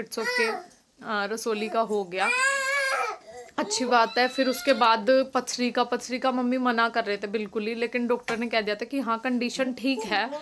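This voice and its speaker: A woman's voice: a little high, noisy background. A young woman talking casually in a home vlog, explaining at length with many fillers and restarts. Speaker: vlogger.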